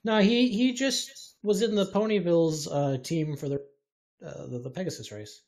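A man's voice: sits high, moderate pace, a little mellow. A man chatting casually on a group podcast, laid-back and often answering with short agreeing replies. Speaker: podcast panelist.

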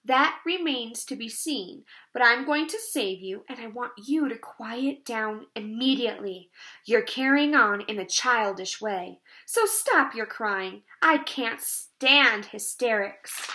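A woman voicing a calm, wise female spider who speaks briskly and firmly. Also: a little high.

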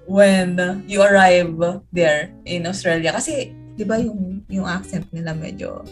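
A woman hosts a relaxed podcast interview, asking questions at an unhurried pace. She reacts to her guest with laughs and exclamations. Faint music sits behind her voice. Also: fairly low pitch. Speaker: podcast host.

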